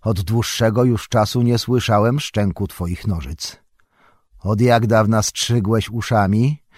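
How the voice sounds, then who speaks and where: A man voicing a stern old male wizard, speaking gravely and measured. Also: lowish voice, a little mellow, dry recording, clean studio sound.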